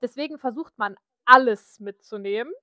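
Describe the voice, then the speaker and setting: A woman's voice: a little high, moderate pace, sharp tone, dry recording. Chatty woman from Saxony, dry sound. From Saxony, Germany. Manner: frank, chatty, many fillers. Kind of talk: casual podcast chat.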